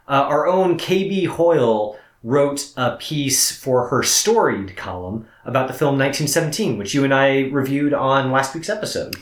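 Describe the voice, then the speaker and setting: A man co-hosting a film review podcast, speaking in a measured, lightly joking way. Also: medium pitch, reverberant. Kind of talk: casual podcast chat.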